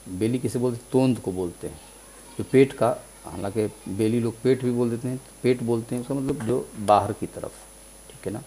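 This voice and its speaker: A man's voice: mid-range voice, dark tone, a little hiss or hum, poor audio. A man teaching a vocabulary lesson in Urdu, patiently repeating each word and often checking in with his listeners. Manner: frequent "theek hai na" check-ins. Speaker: English teacher.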